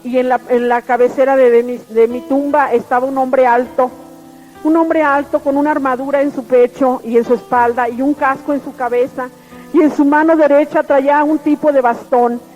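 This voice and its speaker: A woman's voice: high voice, steady tone, moderate pace, darkish tone. A woman telling her personal religious testimony in an earnest, repetitive way. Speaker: testimony giver. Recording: lo-fi radio broadcast with faint music.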